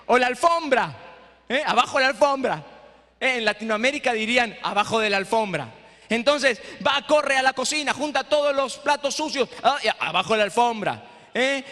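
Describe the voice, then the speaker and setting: A man lecturing pastors in a preaching style, lively and rhetorical, often asking the audience "eh?". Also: very high-pitched. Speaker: speaker at a training for pastors. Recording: echoey hall.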